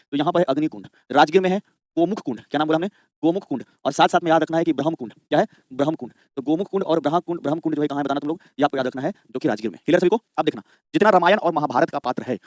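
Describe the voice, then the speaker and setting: A man's voice: fairly high pitch, a little mellow, no room sound, clean studio sound. A man teaching a live online exam-prep class, drilling students with repeated questions and answers.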